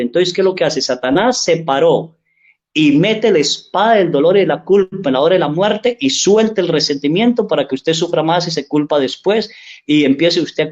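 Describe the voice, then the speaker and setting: Rich: A middle-aged Mexican priest preaching a sermon in a slightly high-pitched male voice. He speaks earnestly and pleads with his listeners, working through stories and pausing to ask if they follow. The recording sounds dull and lo-fi. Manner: earnest, pleading, tells stories, asks "¿sí?" often.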